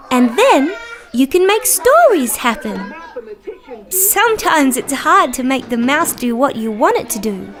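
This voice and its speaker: A woman voicing a cheerful young female dinosaur who gently presents to small children in a slow, sing-song, wonder-filled way. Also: sits high, exaggerated voice. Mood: curious, enthusiastic. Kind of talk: children's show scripted narration.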